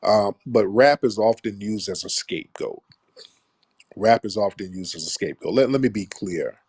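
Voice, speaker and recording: A low-pitched man with a slightly husky voice hosts a call-in stream. He speaks bluntly and profanely, like he's telling street stories to a friend. The sound is close and dry. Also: normal speed, darkish tone, no room sound. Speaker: show host taking callers. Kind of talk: casual live-stream talk.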